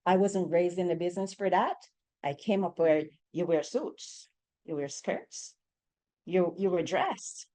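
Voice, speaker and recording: A middle-aged woman from Jamaica, speaking with a Jamaican accent, addresses a real estate panel discussion emphatically and puts rhetorical questions to the listeners. She has a fairly low, mellow voice and a measured pace.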